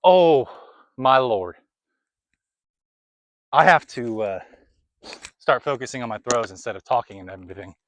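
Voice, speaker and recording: A man's voice: fairly low pitch, a little fast, a bit bright, slight background noise. A young man talking through a disc golf round outdoors, chatty and a little out of breath. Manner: chatty, running commentary between throws. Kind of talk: casual play-by-play commentary.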